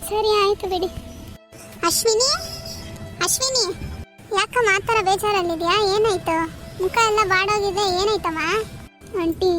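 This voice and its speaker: A woman's voice: very high voice, unhurried, long pauses, music in the background. A woman voicing both a young wife and a meddling aunt in a comedy cartoon, chatty and gossipy by turns.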